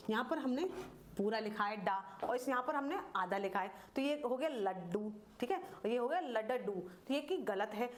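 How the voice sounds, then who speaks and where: A woman teaching Hindi writing, slowly repeating each word and quizzing the viewer with questions. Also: on the high side. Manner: slow, repeats words and asks questions to the viewer. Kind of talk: classroom-style grammar lesson.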